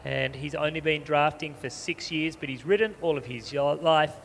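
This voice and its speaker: A man's voice: fairly high pitch, normal speed, vocal fry, a bit bright. A man announcing live sport in an arena, giving informative competitor profiles over the public address. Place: large show arena over loudspeakers. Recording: reverberant stadium PA with background noise.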